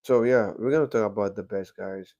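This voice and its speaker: Gravelly low-voiced man chatting to viewers. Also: fairly quick, warm tone, highs cut off, slight background noise. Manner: repetitive, keeps addressing viewers as guys. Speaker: livestream host. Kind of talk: casual motivational livestream talk. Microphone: microphone.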